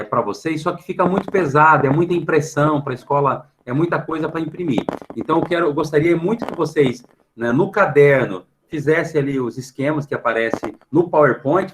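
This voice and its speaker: A Brazilian man with a fairly high voice and a Brazilian Portuguese accent teaches middle schoolers in an online class, against a noisy background. He explains patiently, checking with students after almost every phrase and filling pauses with a questioning tag, picked up by a computer mic on a video call.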